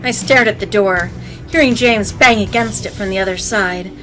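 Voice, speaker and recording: A woman narrates a story game as a let's play host. Her medium-pitched voice is playful and sassy as she reads and comments. Faint music plays behind her. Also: normal speed, pushed and bright, poor audio. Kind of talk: reading game narration aloud with joking commentary.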